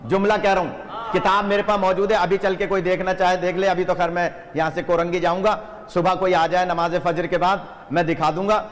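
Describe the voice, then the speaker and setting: High-voiced male preacher in an echoey hall. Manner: animated storyteller who often blesses the audience. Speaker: preacher at a religious gathering. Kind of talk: storytelling sermon. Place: gathering hall.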